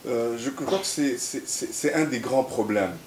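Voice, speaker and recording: A man from Central Africa, an interview guest who talks haltingly, repeating words, then tells stories in a measured way. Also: medium pitch. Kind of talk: reflective conversational interview. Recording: echoey room with faint hiss.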